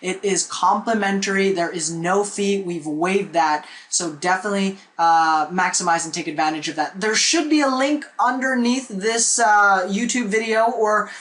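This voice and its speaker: A man's voice: high-pitched, moderate pace, hardly any pauses, fairly bright tone. A man, teaching a live online marketing webinar in a chatty way and often checking in with "okay?" and "right?", recorded on a desk webcam in a small room. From Philippines. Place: small indoor room with a whiteboard.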